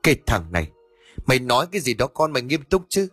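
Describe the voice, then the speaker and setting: A man's voice: mid-range voice, sing-song, fast, a bit bright, husky, no room sound, faint music behind. A male narrator voicing a stern middle-aged exorcist who scolds his son. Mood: scolding.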